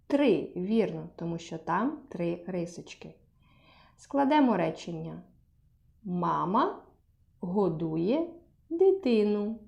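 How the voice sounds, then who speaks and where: A woman teaching a speech lesson to young children, sounding out syllables clearly and praising often. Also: on the low side, dark tone.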